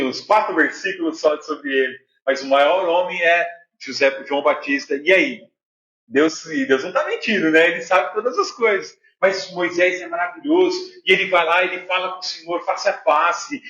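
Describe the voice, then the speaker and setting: A middle-aged Brazilian man preaching a sermon with a Brazilian Portuguese accent, animated and conversational, telling personal stories to his congregation. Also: sits high. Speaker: pastor. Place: church hall. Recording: echoey church, dull lo-fi sound.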